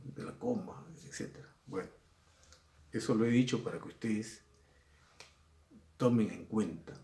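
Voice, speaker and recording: Gravelly Peruvian male teacher, echoey room. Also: lowish voice, mellow. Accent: Peruvian Spanish. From Peru. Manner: conversational, repeats himself, acts out examples. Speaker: secondary school language teacher. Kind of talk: recorded class lesson.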